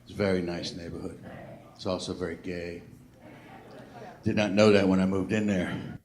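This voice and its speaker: A man's voice: deep voice, little pitch movement, normal speed, darkish tone, a little hiss or hum. A male stand-up comedian performing a set, telling stories and acting out dialogue, with swearing and audience laughter. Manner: storytelling with acted-out dialogue and swearing. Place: live comedy venue.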